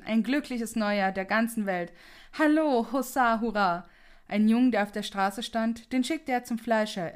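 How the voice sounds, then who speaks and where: A woman reading a classic Christmas story aloud for a podcast, in a calm, even storytelling voice. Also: mid-range voice.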